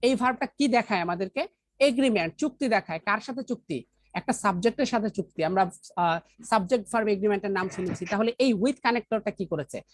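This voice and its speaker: A woman teaching an English grammar lesson with a Bangladeshi accent, asking questions and answering them herself, reading the English examples slowly. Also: mid-range voice, no echo.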